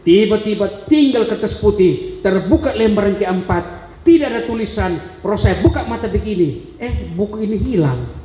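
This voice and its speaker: A man with a high, ringing voice delivers a sermon testimony. His storytelling is dramatic, and he acts out the voices and gasps of each scene. His voice carries a long hall reverb and sounds roomy. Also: lively intonation, moderate pace, mellow. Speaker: preacher giving a testimony.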